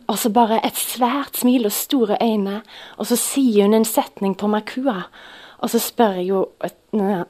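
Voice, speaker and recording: A woman's voice: mid-range voice, darkish tone. A woman preaching a sermon, telling a personal testimony in an earnest storytelling way with frequent hesitations.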